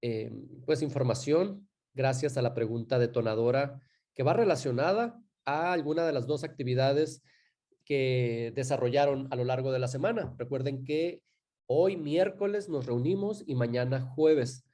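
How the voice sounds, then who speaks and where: A man teaching a live online class, talking in a relaxed way with frequent fillers and self-corrections. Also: medium pitch, moderate pace.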